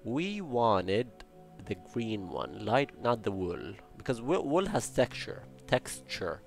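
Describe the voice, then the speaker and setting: A young man with a gravelly voice hosts a building game channel, muttering to himself, counting blocks and tossing in playful Spanish words. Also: mid-range voice, sing-song, slow, faint music behind. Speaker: Minecraft building channel host. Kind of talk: casual gameplay commentary.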